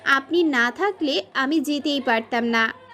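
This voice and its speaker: A woman voicing an anxious, tearful young daughter in an audio story. She speaks softly and slowly, in a pleading tone. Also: sits high, heavily acted. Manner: soft, pleading, slow.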